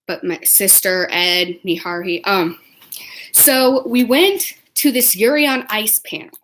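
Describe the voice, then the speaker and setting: A young woman casually telling convention stories to the camera, chatty and excitable, acting out what people said. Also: medium pitch, takes it slowly, slight background noise. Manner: chatty, excitable, acts out quotes in different voices. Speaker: vlogger. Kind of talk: casual storytelling vlog.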